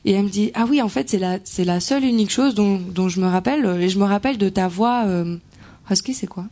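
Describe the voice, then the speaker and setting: A woman's voice: mid-range voice, fast, warm tone. A woman renders a speaker's words phrase by phrase as a consecutive interpreter. She often hesitates, restarts her sentences, and gropes for the right word.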